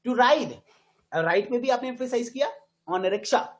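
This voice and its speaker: A woman with an Indian accent teaching an English grammar class, switching between Hindi and English and slowing right down to model stressed words. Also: on the high side, lively intonation, poor audio. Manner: quizzes the students with frequent questions.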